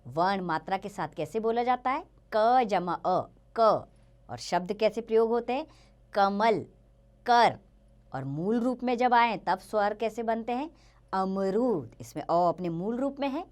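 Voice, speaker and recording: Woman teacher, children's grammar lesson, animated pitch, patient and clear. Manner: clear, patient explaining, drawn-out example words.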